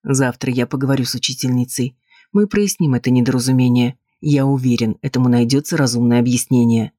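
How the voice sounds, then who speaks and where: A man's voice: mid-range voice, a little fast, mellow, dry recording, clean studio sound, lightly acted. A man reading an audiobook, voicing a cold, condescending husband. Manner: cool, patronizing, dismissive.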